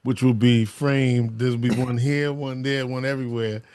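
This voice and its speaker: A man's voice: mid-range voice, little pitch movement, a little mellow, clean tone. A man co-hosting a casual podcast chat. He tells stories with eager enthusiasm and laughs easily. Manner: enthusiastic, storytelling, quick laughs. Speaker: co-host.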